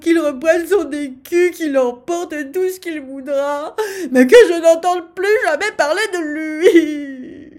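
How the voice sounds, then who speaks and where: A woman voicing a furious, pompous sultan in a storybook reading, loud and barking orders. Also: very high-pitched, takes it slowly, voice pushed up.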